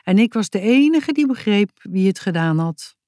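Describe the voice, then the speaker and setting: A woman's voice: mid-range voice, animated, normal speed, dark tone, dry recording, studio quality, lightly acted. A woman voicing a protective middle-aged mother in a children's audiobook, pleading and solemn.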